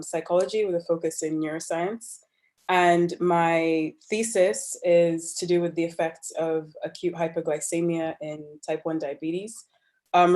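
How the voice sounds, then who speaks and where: Young woman with a low, flat voice. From Uganda, raised in Belgium. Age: 20s. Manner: hesitant, many fillers. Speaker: panelist, master's student. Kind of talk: online panel talk. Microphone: video call.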